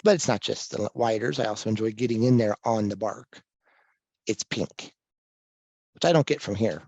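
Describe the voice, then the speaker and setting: Low-voiced easygoing man presenting slides. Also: moderate pace, darkish tone, dry recording, highs cut off. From Kansas. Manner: easygoing and self-deprecating, thinking aloud with restarts. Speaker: guest presenter at a photography talk. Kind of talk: slide presentation to a live audience. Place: library meeting room. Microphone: handheld or stand microphone with popping plosives.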